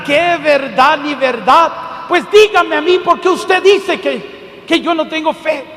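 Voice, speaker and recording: A male preacher voicing a tearful, stubborn woman in a wheelchair, speaking slowly and pleadingly. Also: very high voice, a bit bright, big-room sound, full character voice. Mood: indignant.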